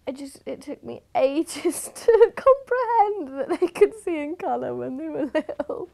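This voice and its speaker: A woman's voice: high voice, expressive, unhurried, vocal fry, mellow. A woman from southwest England, telling an amused story about her childhood beliefs in an interview.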